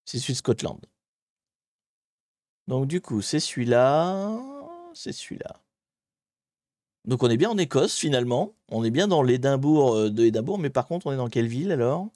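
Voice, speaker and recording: A man streaming live, chatting with his viewers as he hunts through online maps and grumbles at the software. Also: mid-range voice, animated, normal speed, pauses often, no room sound, studio quality. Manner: chatty, talks to chat while searching maps, mildly exasperated. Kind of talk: live-streamed geography puzzle commentary.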